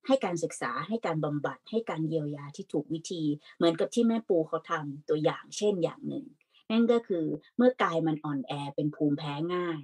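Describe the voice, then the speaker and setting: A woman with a low, slightly husky voice talks as a teacher and therapist on a discussion panel. She argues her point steadily and keeps checking in with rhetorical questions. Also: expressive, brisk, darkish tone. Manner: persuasive, asks rhetorical questions.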